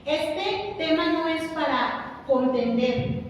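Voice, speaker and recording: A woman preaching a lively, humorous sermon, acting out little scenes. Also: high-pitched, slow pace, a little hiss or hum. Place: church. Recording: echoey church hall, mic far off.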